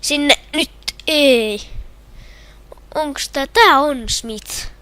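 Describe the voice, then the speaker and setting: Excitable young Finnish woman gaming. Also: sits high, no room sound. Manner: excitable, shouts and groans at the game. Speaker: gamer. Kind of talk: gameplay commentary.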